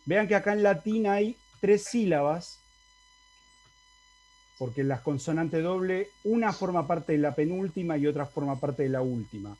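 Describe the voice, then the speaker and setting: A man with an Argentine Spanish accent teaches Latin to university students over video, moving at a moderate pace. His voice is a little high and a bit mellow, and he explains things step by step, often checking in with the class.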